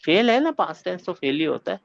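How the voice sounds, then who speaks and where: A man's voice: sits high, sing-song, fast, gravelly, no echo, muffled recording. A male Arabic teacher running an interactive grammar class, quizzing students and repeating phrases as he corrects them.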